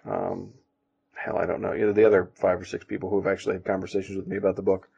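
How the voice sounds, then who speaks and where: Gravelly low-voiced man, halting chat. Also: completely flat delivery, a little mellow, slight background noise. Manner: halting, many restarts, self-deprecating. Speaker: podcast co-host and comic artist. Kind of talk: casual podcast chat. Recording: dull lo-fi sound.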